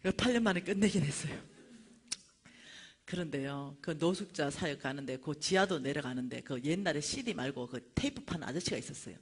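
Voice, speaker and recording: Middle-aged woman, church lecturer, very lively and swooping delivery, tells stories and acts out voices. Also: sits low, fairly quick, slightly rough. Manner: animated, acts out voices of the people in her stories. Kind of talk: storytelling lecture to a church audience.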